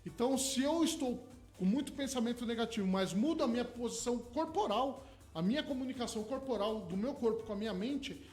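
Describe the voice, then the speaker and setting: A man's voice: extremely high pitch, animated, brisk, a little mellow, faint music behind. A man, a hypnotherapist guest in a radio studio, eagerly explaining his ideas with everyday examples. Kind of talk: radio interview.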